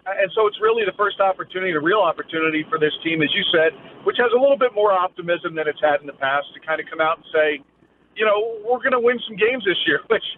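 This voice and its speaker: A man giving a live, conversational news field report as a sports reporter, phrasing his analysis loosely over a remote phone link. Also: fairly high pitch. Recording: phone-like narrowband line with faint noise.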